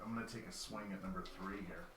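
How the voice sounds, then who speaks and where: Halting man player in an echoey room. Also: on the low side, fairly even intonation. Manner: hesitant, halting. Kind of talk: casual play at the table. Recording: echoey room, mic far off, noise.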